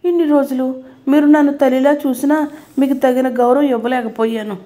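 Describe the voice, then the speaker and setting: Woman reading a selfish young wife in a spoken story, shrill and complaining. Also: steady tone, moderate pace, dark tone, lightly acted. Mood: apologetic.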